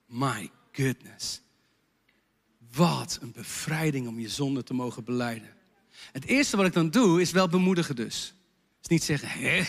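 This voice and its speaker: A man's voice: mid-range voice, expressive, unhurried, long pauses. A man preaching a sermon about a worship song he wrote, talking animatedly and singing lines from it. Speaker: pastor and songwriter. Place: church hall. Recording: long church reverb.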